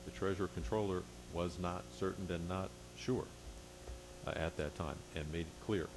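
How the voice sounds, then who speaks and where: A man giving a formal explanatory report to a board, phrasing things carefully and haltingly. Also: deep voice, fairly even intonation. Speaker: agency official reporting to a board. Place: public board meeting room. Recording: noisy meeting room with hum.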